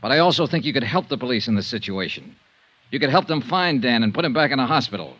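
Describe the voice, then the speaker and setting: An American actor plays a blunt, world-weary insurance investigator in a 1950s radio detective serial, narrating as the lead and acting in scenes. His medium-pitched voice is fast, lively and a bit bright, with a pressing, frank mood. The recording is dull and band-limited.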